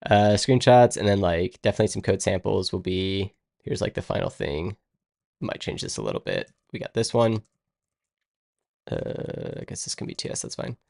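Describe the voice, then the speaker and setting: Man, casual coding streamer, thinks out loud, low voice, dry close sound. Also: sing-song, normal speed, vocal fry, no room sound. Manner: rambling, muttering to himself while working. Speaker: live-streaming web developer.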